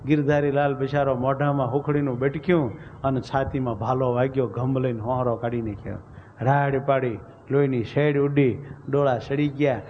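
A man's voice: mid-range voice, dull audio, a little hiss or hum. A man telling a devotional story as a religious storyteller, with vivid, dramatic narration.

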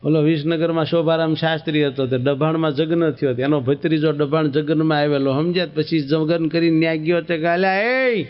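A man with a Kathiawadi Gujarati accent preaching a devotional sermon as an animated storyteller who acts out the dialogue. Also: fairly high pitch, a little fast, hardly any pauses. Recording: dull lo-fi recording.

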